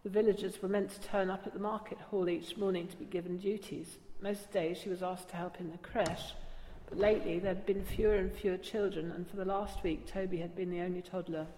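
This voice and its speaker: Woman narrating with a mellow voice. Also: fairly low pitch, a little hiss or hum. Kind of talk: storybook narration. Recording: long reverb, faint ambience.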